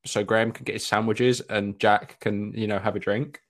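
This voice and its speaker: A man's voice: lowish voice, level tone, moderate pace. A man co-hosting a casual fan podcast, talking in a wry, easygoing and teasing way. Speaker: podcast co-host.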